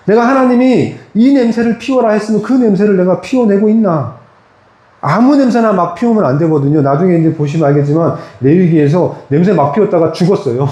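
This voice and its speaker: With a high, slightly mellow voice, a pastor delivers a sermon in the echoey room of a small church. He keeps his tone conversational and poses questions to the congregation.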